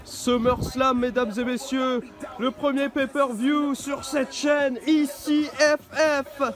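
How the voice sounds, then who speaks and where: A man calling a wrestling match play-by-play, excitable and bursting into shouted exclamations. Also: very high-pitched, takes it slowly, music in the background. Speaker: wrestling commentator.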